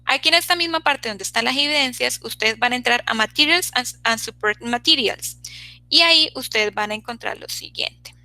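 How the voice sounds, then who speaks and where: Bright-voiced woman teaching online. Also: fairly high pitch, moderate pace, no echo, low-quality recording. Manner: checks in constantly with "¿cierto?" and "¿sí?". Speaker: English teacher. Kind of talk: online class lesson.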